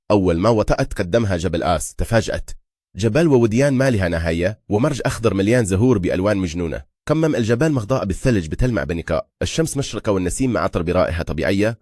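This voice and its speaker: Deep, fast-talking male recap narrator. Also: darkish tone, dry recording, studio quality. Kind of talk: scripted film recap narration.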